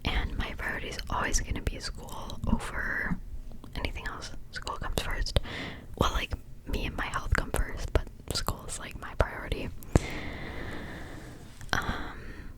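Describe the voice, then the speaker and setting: A young adult woman whispering softly and breathily right into the listener's ears, chatting casually and confidingly in an ASMR style. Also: unhurried, rough recording. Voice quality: soft, breathy, unvoiced whisper. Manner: informal, rambling, confiding. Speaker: ASMR creator. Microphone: close-up ear-to-ear stereo microphone.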